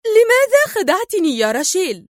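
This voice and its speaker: A woman's voice: a little high, sing-song, a little fast, darkish tone, no room sound, studio quality. A woman voicing a cold, ruthless female gang boss who speaks harshly and sternly in a dramatized novel reading. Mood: furious.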